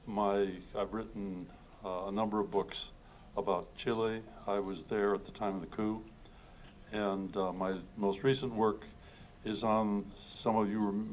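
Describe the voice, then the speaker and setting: An older man, a retired professor, introducing himself on a panel in a measured way with filler pauses. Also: fairly low pitch, darkish tone, slight background noise.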